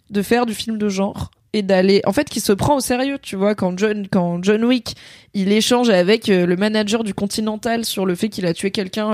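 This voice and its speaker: A woman's voice: medium pitch, a little mellow, no echo, studio quality. A woman chatting casually about films, telling it emphatically and animatedly in street slang.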